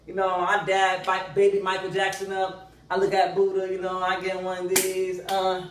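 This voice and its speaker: A man's voice: high voice, normal speed, noisy background. A young man telling a comic story, acting out the voices of the people in it. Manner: animated, acts out characters' voices. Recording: echoey room, from a distance.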